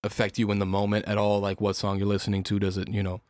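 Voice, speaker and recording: A young man with a low, flat voice talks quickly as he hosts a casual podcast. His questions ramble and circle around. The sound is close and dry, with no room around it. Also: no echo. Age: young adult. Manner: relaxed, probing questions, loose rambling phrasing. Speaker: podcast host.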